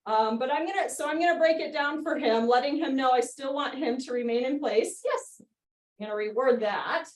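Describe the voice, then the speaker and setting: A young woman with a high voice leads a live online dog training session. She explains each step in a friendly, chatty way and giggles often. Her voice comes through a video call. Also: a little fast, hardly any pauses, a little hiss or hum. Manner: chatty, giggly, gives short cues to a dog.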